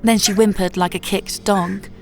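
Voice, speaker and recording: A woman narrating a horror story in a measured, low-key way. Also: steady tone, a little mellow, faint music behind.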